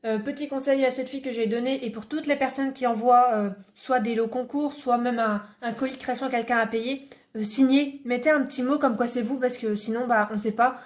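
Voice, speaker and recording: A woman's voice: fairly high pitch, steady tone, fairly quick. A woman from France chatting casually in a hobby vlog, showing items and talking with lots of fillers and restarts. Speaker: hobby vlogger. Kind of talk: casual vlog with show-and-tell.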